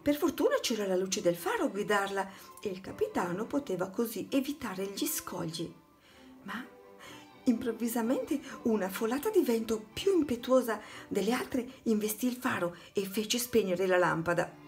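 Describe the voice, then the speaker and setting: A woman's voice: mid-range voice, sing-song, normal speed, soft background music. A woman narrating a children's storybook, reading aloud expressively and dramatically.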